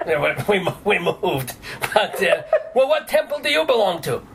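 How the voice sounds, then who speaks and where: A man hosting a joking, casual interview in a playful, wisecracking way with Yiddish-flavored asides, on a recording with a low rumble. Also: big pitch swings, normal speed, creaky. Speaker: talk show host.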